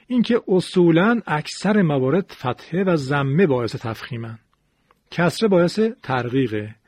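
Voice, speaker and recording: Husky-voiced man teaching recitation. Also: a little high, darkish tone, no echo. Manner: patient, explains step by step and drawls example words slowly. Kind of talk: radio lesson.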